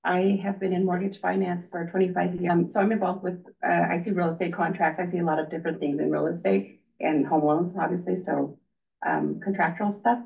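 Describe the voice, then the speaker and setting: A woman's voice: fairly low pitch, steady tone, a little fast, vocal fry. A middle-aged woman introducing herself at a public meeting in a casual, plain-spoken way. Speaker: committee member, parent. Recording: distant, muffled meeting-room recording.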